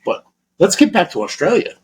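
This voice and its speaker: A man from Florida talks in loose, meandering casual chat as a podcast co-host, peppering every thought with swearing and false starts. His voice sits a little higher than most men's. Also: sing-song, fairly quick, slight background noise, rough recording. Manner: rambling and heavily profane, with many restarts.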